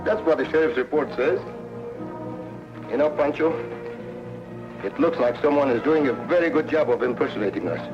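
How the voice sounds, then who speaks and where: An actor playing a charming, gallant male hero who talks in smooth, flowery compliments. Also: mid-range voice, moderate pace, pauses often, natural voice. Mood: calm. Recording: dull old TV soundtrack with music.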